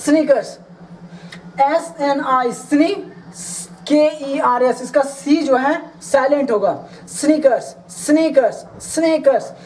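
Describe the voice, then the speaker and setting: A woman's voice: sits high, slow pace, darkish tone, recorded from a distance, a little hiss or hum, low-quality recording. A woman teaching English vocabulary, spelling each word letter by letter, giving its meaning, and urging listeners to repeat after her. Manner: coaxing, urges listeners to repeat aloud. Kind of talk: spelling and vocabulary drill lesson.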